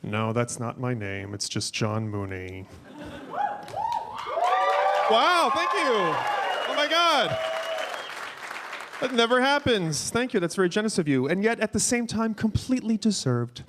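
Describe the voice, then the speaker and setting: A man in his forties doing a live stand-up set, animated, jumping into a high flamboyant yelling voice. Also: brisk, few pauses, a crowd in the background. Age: 40s. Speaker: stand-up comedian. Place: comedy club stage. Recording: noisy live club sound.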